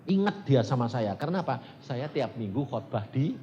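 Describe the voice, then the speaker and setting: An older man preaching a storytelling sermon in Indonesian with a Javanese-influenced accent, switching between hushed asides and shouted quoted voices. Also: medium pitch, moderate pace, lo-fi sound. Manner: animated, shouts quoted voices, swings loud to soft. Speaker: evangelist preacher. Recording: reverberant hall with faint noise.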